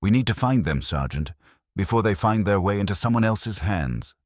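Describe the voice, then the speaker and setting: A man reading the lines of a grave, deliberate police inspector in a mystery story, in clipped pronouncements. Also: lowish voice, lively intonation, no echo, clean studio sound, pitched above the performer's own voice. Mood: grave, measured. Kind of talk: read-aloud mystery story dialogue.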